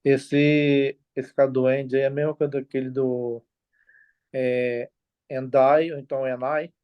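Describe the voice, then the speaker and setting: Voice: medium pitch, little pitch movement, unhurried, clear, resonant tone. Hesitant student on a dull call line. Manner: hesitant, searching for words. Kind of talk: asking questions in an online class.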